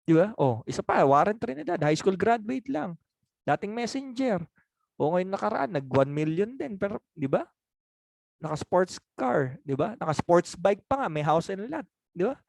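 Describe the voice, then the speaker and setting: Male sales trainer, slightly high voice, dry close sound, chatty and questioning. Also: big pitch swings, moderate pace, creaky, a little mellow, dry recording. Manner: conversational, laughs often, asks for agreement. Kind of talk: training talk answering objections.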